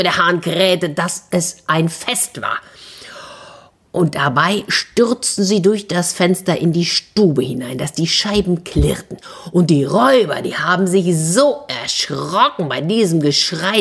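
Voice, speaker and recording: A woman narrating a fairy tale for children in a lively, chatty way with little asides. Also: low voice, gravelly, slightly rough. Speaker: storyteller.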